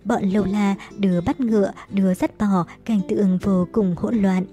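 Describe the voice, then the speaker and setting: A woman narrating a novel as an audiobook in a brisk, dramatic storytelling manner. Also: mid-range voice, steady tone, dark tone, soft background music.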